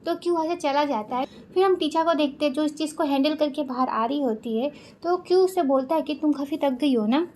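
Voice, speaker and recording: A high-pitched woman telling a drama story in an easy, chatty voice. She moves from scene to scene, announcing who speaks before reading each character's line aloud. Her delivery is conversational rather than polished. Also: brisk, few pauses, darkish tone, slight background noise. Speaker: drama recap narrator. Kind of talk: casual storytelling recap.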